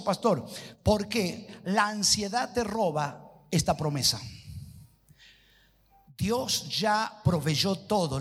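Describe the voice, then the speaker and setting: High, husky-voiced preacher man in a hall. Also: fairly bright tone. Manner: emphatic preaching, calls for the congregation to repeat after him. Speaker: pastor. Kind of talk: sermon. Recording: long reverb of a church hall.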